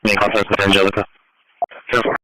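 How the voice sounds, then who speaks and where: A man's voice: on the low side, monotone, fast talker, pushed and bright, low-quality recording. A man working as a police dispatcher, giving clipped, procedural radio traffic over a two-way radio. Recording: police scanner radio with background voices.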